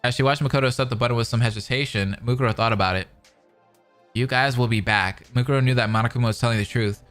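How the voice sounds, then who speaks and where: Over background music, a man streams his reaction to a fan-dubbed visual novel, reading the narration and commenting live in an excited, slang-heavy way. He talks fast, with a medium-pitched, fairly bright voice.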